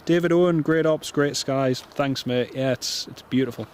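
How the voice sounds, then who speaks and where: A man's voice: medium pitch, normal speed, darkish tone. A man from North East England with a Northumbrian accent hosts a casual live stream. His voice sits in a middle register and he talks to viewers in a friendly, chatty way, often saying things twice. There is faint outdoor vehicle noise behind him. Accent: Northumbrian, near Geordie. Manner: chatty, friendly, repeats phrases. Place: outdoors by an airport runway.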